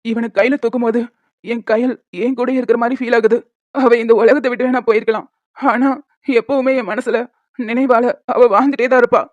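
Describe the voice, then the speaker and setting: A woman's voice: fairly high pitch, steady tone, brisk, dry recording, close to an everyday voice. A tearful grieving young father, voiced by a woman. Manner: tender, tearful cooing. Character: grieving young father soothing his newborn son. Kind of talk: amateur animated drama. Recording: dry, slightly dull lo-fi.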